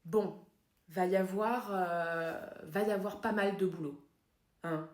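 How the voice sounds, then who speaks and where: A woman playing a calm, dry female psychotherapist in a comedy sketch, speaking softly and deadpan. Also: on the low side, echoey room. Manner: soft-spoken, measured, deadpan.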